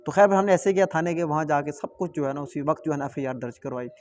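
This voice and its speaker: A young man from Pakistan, telling a story to camera in an animated way, repeating phrases and chuckling often. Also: a little high, fast talker, a little hiss or hum. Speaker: vlogger.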